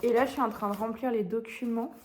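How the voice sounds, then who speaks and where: A woman's voice: on the high side, fairly even intonation, fast talker, a little hiss or hum. A young adult woman chatting casually to a vlog audience in an informal, slangy way. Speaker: vlogger and business coach.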